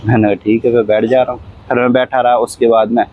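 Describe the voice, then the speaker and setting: A cab driver, a man with a mid-range voice, tells a long story quickly in a level tone over phone-quality audio. He rambles and repeats phrases, acts out what people said, and coughs often as he goes, like someone in a casual storytelling interview.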